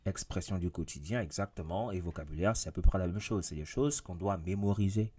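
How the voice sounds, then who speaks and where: Low-voiced man giving an emphatic lesson. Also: fairly quick, warm tone, slightly rough. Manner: repetitive, emphatic, addresses viewers directly. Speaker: English teacher. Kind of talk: casual video lesson.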